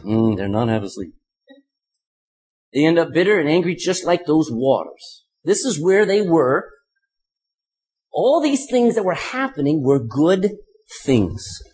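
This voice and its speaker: Husky-voiced man preaching a lively sermon. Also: on the high side, a little slow, long pauses. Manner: preaching with rhetorical questions and sudden emphasis. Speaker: pastor.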